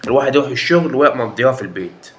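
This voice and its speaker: Rapid-fire Egyptian man reacting. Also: mid-range voice, animated, over a noisy crowd. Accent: Egyptian Arabic. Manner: exclaiming, joking, swears oaths often. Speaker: reaction video host. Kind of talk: casual reaction commentary.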